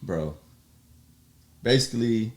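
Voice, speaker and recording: A man chatting as a podcast guest, telling a personal story in an animated way, acting out quotes and laughing often. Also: mid-range voice, slow. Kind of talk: casual storytelling chat.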